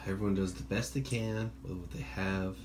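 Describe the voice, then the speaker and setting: Here the host's voice is deep and steady, at normal speed. He rambles through casual podcast talk, swearing without restraint and acting out what others said. Outside, birds can be heard beneath faint background noise.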